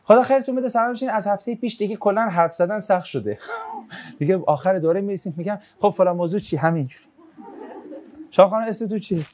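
The religion teacher keeps things easygoing and conversational, reading student questions aloud and replying with jokes in a medium-pitched voice. Recounting a religious tradition, the teacher slips into a storyteller's delivery.

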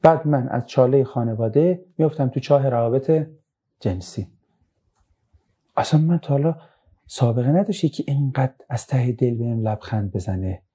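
A man giving a moral lecture to a young audience, telling stories with lively emphasis and quiet asides. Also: slightly rough. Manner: animated storytelling, voice rising high for emphasis, drops low for asides.

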